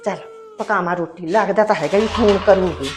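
An actress playing a bossy, sharp-tongued middle-aged mother-in-law in a short film drama, talking in a scolding, two-faced way. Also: medium pitch, fairly quick, loud music behind the voice, natural voice.

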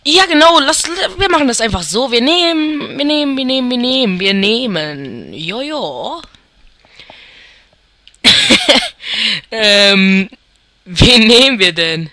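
Playing a football video game, a young let's player from Germany chuckles and thinks aloud in casual, meandering commentary. His high-pitched voice sounds pushed and bright, in clean studio sound with no echo.

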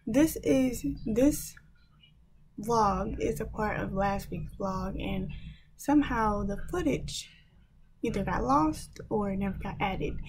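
A woman's voice: mid-range voice, a little mellow, a little hiss or hum. A young woman, chatting casually to her vlog viewers, rambling and calling them y'all. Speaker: vlogger. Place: at home.

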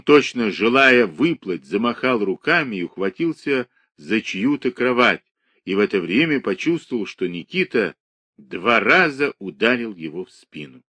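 A man's voice: on the low side, sharp tone, dry recording. Man reading a classic story expressively. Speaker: audiobook narrator. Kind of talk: literary audiobook narration.

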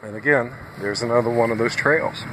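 A man's voice: mid-range voice, brisk. A man who works as a nuisance wildlife trapper, casually walking viewers through his trap sets outdoors on a farm and talking to them directly in a plain-spoken, folksy way. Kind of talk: casual outdoor video walkthrough. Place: outdoors on a farm field by a fence line. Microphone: handheld phone camera. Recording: phone recording outdoors with steady background noise.

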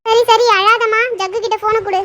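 A woman voicing a cartoon mother who reassures her children quickly. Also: extremely high pitch, steady tone, noisy background. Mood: reassuring. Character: busy mother on the phone, reassuring.

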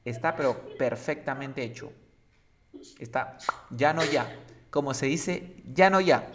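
A man's voice: medium pitch, slow pace, background noise. A man teaching English slang in a casual lesson, often checking that the student follows. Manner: lively, checks understanding often.

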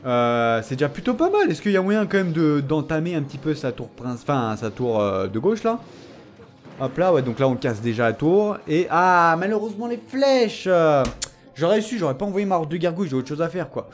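Excitable young man commentating a game. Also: a little high, fairly quick, faint music behind. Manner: excitable, teasing, mock-threatening. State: tired. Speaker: gaming channel host. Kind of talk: casual gameplay commentary.

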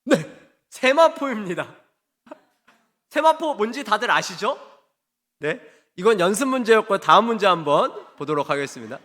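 A man preaching a Wednesday evening sermon as pastor, chatty and animated, quizzing his congregation and acting out quoted lines. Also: sits high, moderate pace, long pauses. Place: church sanctuary. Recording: long church hall reverb.

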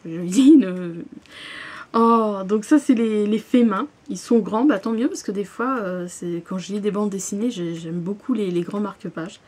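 A young woman opening a parcel in her bedroom, gushing with excitement and often restarting her sentences. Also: mid-range voice, normal speed, breathy edge. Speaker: vlogger. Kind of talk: unboxing vlog. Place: bedroom, at home. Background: paper crinkling.

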